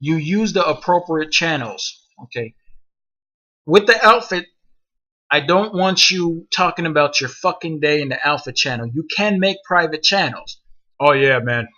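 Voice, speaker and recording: A man's voice: fairly high pitch, expressive, moderate pace, sharp tone, dull audio. A man leading an online gaming group, training new members over voice chat with blunt, profane, commanding instructions.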